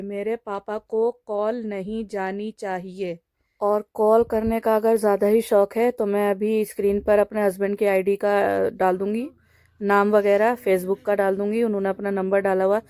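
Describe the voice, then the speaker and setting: A young woman with a Bihari Hindi accent speaks straight to camera in an indignant, scolding and pleading way. Her pitch barely moves, and her voice sounds mellow. The recording is dry and close. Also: no echo. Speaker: vlogger. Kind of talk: direct-to-camera message.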